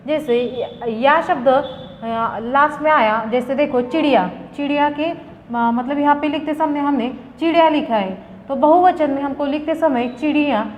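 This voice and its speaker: A woman's voice: high voice, slight background noise. A woman teacher explaining grammar to students, asking questions and answering them herself, with many fillers. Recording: dull lo-fi sound with long reverb.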